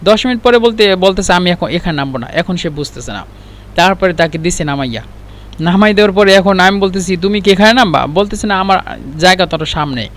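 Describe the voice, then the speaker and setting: A man's voice: high-pitched, animated, fairly quick, a bit bright. A man giving a casual Arabic lesson, chatty and full of restarts. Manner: chatty, with many fillers and restarts. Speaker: Arabic language teacher. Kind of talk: casual spoken lesson with an anecdote.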